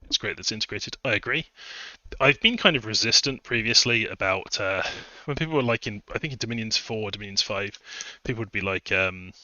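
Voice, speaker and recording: A streamer and game modder, voice on the low side, talks a little fast with a bright, forceful tone. His live-stream chat is loose and rambling, with frequent fillers and restarts, and he sounds slightly out of breath. No echo, but the audio is dull.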